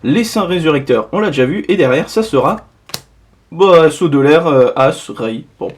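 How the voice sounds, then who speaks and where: A man's voice: on the high side, animated, moderate pace, husky. A man giving casual, rambling commentary as he opens trading card boosters, dropping little asides between cards. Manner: chatty, rambling, full of little "hop, voilà" asides. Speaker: card collector opening boosters.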